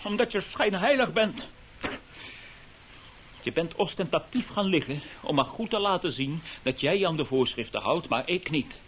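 A man's voice: a little high, animated, lo-fi sound, slight background noise. An actor playing a sarcastic, suspicious male astronaut who needles his crewmate in a radio drama. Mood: accusing. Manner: sarcastic, needling, quick swings from hushed to loud.

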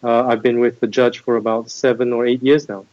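Interviewed as a guest, this Singaporean MBA admissions head in middle age talks about his career thoughtfully, often restarting and using fillers. He speaks a little fast in a slightly mellow, medium-pitched voice with little pitch movement, and the audio is dull with no echo.

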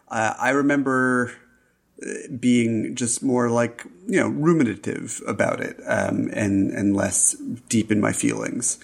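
A man with a low, heavily gravelly voice talks about a film in casual podcast chat. He is reflective and hesitant, with plenty of ums and restarts. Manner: thoughtful, hesitant, many fillers. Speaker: film critic podcast co-host.

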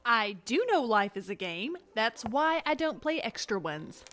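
A woman's voice: fairly high pitch, sing-song, unhurried, noisy background. A woman voicing a wry, skeptical young woman in a cartoon, with a dry, sarcastic manner.

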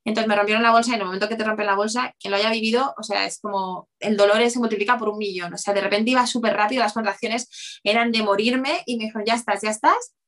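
A woman's voice: medium pitch, fairly even intonation, a bit bright. A woman, telling a personal story in conversation as an interview guest, rambling with many restarts. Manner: rapid, rambling, full of "o sea" restarts.

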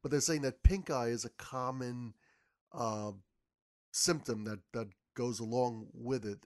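Male podcast guest, middle pitch, chatty and rambling. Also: unhurried, a little mellow. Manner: rambling, many repeated starts. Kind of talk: casual conversation.

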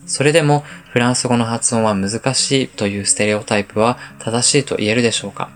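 Guy teaching a podcast language lesson, mid pitch, calm, explains step by step, soft music under it. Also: brisk.

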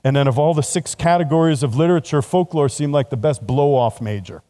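A man's voice: fairly high pitch, fairly quick, warm tone. A middle-aged man preaching a casual, conversational sermon to students, laughing at himself often.

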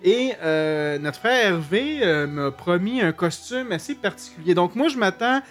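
A man's voice: sits high, animated, measured pace, faint music behind. A man with a Québécois accent hosting a casual radio chat, joking and laughing at his own puns, with plenty of fillers. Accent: Québécois French. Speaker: radio show host.

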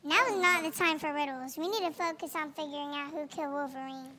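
A woman's voice: sits high, quick pace, bright, forceful tone. A woman playing the Joker, a male supervillain groom turned determined detective, in a youth audio play. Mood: urgent, stern.

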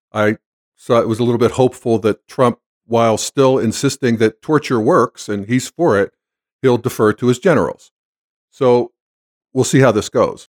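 Man, mid-pitched voice, casual spoken commentary, wry, conversational. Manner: conversational, wry, chuckles at his own points. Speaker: commentator on politics and culture. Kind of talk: unscripted political commentary.

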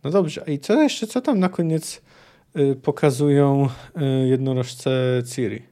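A man's voice: mid-range voice, measured pace, dark tone. A young man hosting a book podcast, talking thoughtfully and hesitantly, with many fillers. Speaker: podcast host.

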